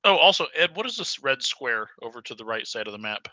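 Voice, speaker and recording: A man's voice: medium pitch, sing-song, a little fast, bright, forceful tone, no room sound. A man playing a tabletop game, speaking partly as his character, hesitant and full of restarts. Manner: hesitant, many fillers and restarts. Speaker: player. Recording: dry, dull lo-fi audio.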